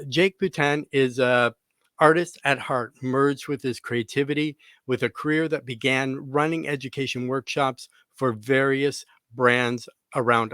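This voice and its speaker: A male podcast host introduces his show and asks his guest questions in an upbeat, chatty way that rambles a bit with fillers. His voice sits at a middle pitch. The recording is dry and close, with no room echo. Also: fairly bright tone. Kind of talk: casual podcast interview.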